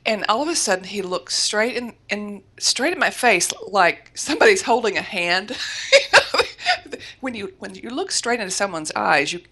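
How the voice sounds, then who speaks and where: A woman from Florida, a guest mindset coach, telling a lively story in an interview and correcting herself as she goes. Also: medium pitch, normal speed. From Florida, USA. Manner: lively storyteller, self-correcting, laughs often.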